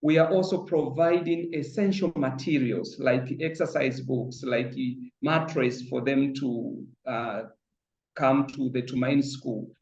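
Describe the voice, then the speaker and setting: A middle-aged man, a school founder speaking in a measured, earnest way with frequent pauses. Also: medium pitch. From Tanzania. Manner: measured and earnest, pausing often on fillers. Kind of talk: reflective interview testimony. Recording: roomy, slightly dull with soft music.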